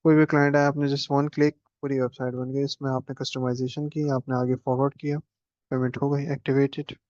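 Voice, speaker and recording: A man's voice: mid-range voice, flat delivery, brisk, a little mellow, no echo, highs cut off. A man teaching a casual screen-share computer lesson, chatting and joking as he clicks through steps. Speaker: instructor.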